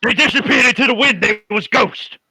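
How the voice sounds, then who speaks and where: A man's voice: extremely high pitch, fairly quick, bright, forceful tone, slightly rough. Joking, slangy tabletop player man. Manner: joking, slangy, repeats words. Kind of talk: casual tabletop game chat.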